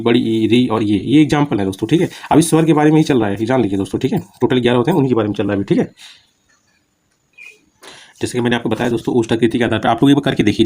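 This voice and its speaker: A man's voice: mid-range voice, a little mellow. A man teaching Hindi grammar for exam preparation, explaining terms plainly with repeated examples and often checking in with his students. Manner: talks fast, keeps saying "ठीक है" and "दोस्तों". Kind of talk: exam-prep grammar lecture.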